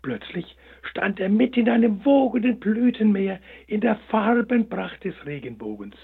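A man narrating a storybook in a gentle, expressive way, on a tinny line. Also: high voice, moderate pace, gravelly, husky. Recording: tinny phone-like sound.

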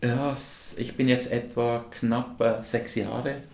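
Answering interview questions slowly, with lots of hesitation and filler sounds, a charity volunteer and dental technician who grew up in India and speaks English natively is the guest. His medium-pitched voice is creaky and darkish with fairly even intonation, recorded in an echoey room with a little hiss or hum.

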